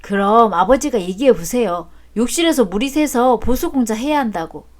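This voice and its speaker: A woman's voice: fairly high pitch, lively intonation, normal speed, close to an everyday voice. A woman voicing a blunt adult son who talks back cheekily to his father in a storybook drama. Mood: cheeky.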